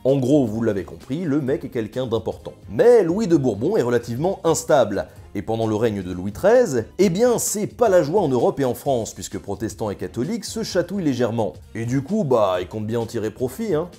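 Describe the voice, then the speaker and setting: A man narrating history with an ironic, joking, colloquial touch. His pitch swings widely while the tone stays mellow and slightly husky. Faint music plays underneath. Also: very animated, a little fast, hardly any pauses. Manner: ironic, jokey, colloquial storytelling. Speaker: history video presenter. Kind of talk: scripted casual narration.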